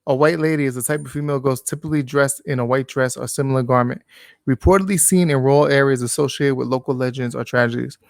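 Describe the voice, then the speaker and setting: A young man co-hosting a podcast, reacting in excitable, slangy chat and calling his friend "bro". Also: medium pitch, quick pace, creaky, no echo, clean studio sound. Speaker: podcast co-host. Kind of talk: casual chat.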